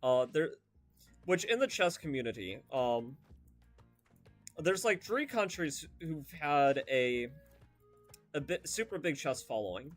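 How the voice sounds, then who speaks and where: Rambling, animated male game streamer. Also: on the high side, takes it slowly, long pauses, soft background music. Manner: rambling, chatty, full of fillers and tangents. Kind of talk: casual gameplay commentary.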